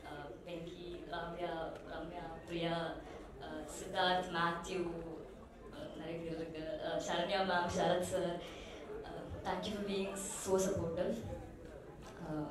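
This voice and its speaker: A young actress giving a thank-you speech on stage, mixing Tamil and English and running through a list of names with fillers. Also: female voice, on the low side, slow. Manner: flat and steady, listing names with fillers. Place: large event hall. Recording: echoey hall from far off with crowd.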